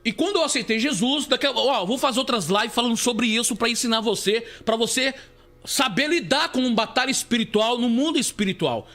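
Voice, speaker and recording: A man's voice: extremely high pitch, animated, a little fast, pushed and bright. A man with a Brazilian Portuguese accent, a bishop giving a live preaching testimony, repeating himself and calling listeners beloved. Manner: repetitive, calls listeners "beloved", many restarts.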